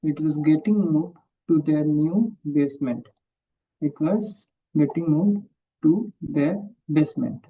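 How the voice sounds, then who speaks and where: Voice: mid-range voice, slow, warm tone, breathy edge, distant mic, rough recording. A speaker from India, reading a book aloud and discussing it, often stopping to reread and repeat phrases. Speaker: book reader.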